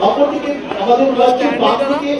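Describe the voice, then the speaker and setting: A man's voice: very high-pitched, fairly even intonation, fairly quick. A man announcing and commentating on a football match over a public-address system. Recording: dull, very echoey distant loudspeaker, crowd noise.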